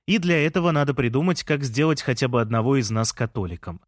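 A man's voice: mid-range voice, fast talker, dry recording. A man narrating a first-person audiobook in a dry, wry manner on a close mic.

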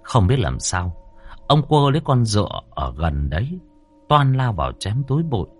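A man narrating a ghost story audiobook in a measured, dramatic storytelling manner. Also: fairly low pitch, big pitch swings, soft background music.

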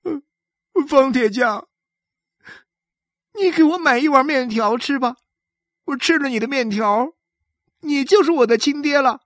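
A man's voice: very high voice, a little slow, long pauses, fairly bright tone, no echo, clean studio sound, pitched above the performer's own voice. A man voicing a sad, stubborn eleven-year-old boy who begs strangers for a father, in a childish, whiny way.

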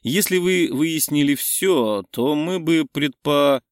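A man's voice: fairly high pitch, takes it slowly, dry recording, clean studio sound. A man voicing a young woman heroine, slightly raised and breathless. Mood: flustered.

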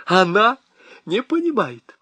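A hysterical middle-aged Soviet functionary, voiced by a male reader, rants in a high, shrill voice. He drags his words out slowly while his pitch leaps about wildly. The dry, close recording keeps every outburst sharp. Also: big pitch swings, slightly rough, dry recording, exaggerated voice. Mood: agitated. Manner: shrieking, frantic, ranting.

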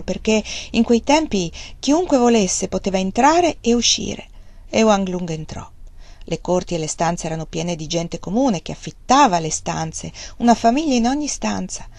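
A woman reading a novel aloud as an audiobook, in steady, measured narration. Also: fairly low pitch, dry recording. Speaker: audiobook reader. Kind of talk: scripted narration.

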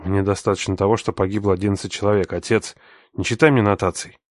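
A man's voice: lowish voice, steady tone, fast, dry recording, clean studio sound, lightly acted. A man voicing a grown son who answers his father with terse, bitter retorts in an audiobook reading. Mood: defiant. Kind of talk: audiobook narration.

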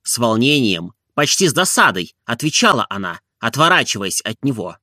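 Male audiobook narrator, calm and measured, bright tone, dry close mic. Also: medium pitch, no room sound.

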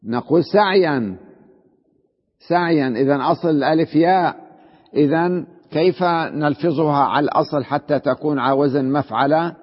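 A man with a fairly high voice teaches a grammar class, drawing out word forms syllable by syllable, then putting questions to the class and answering them himself. His voice rings with a long echo around a hall, and the recording sounds dull and muffled. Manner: drawls words out slowly to spell out their forms. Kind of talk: classroom lesson.

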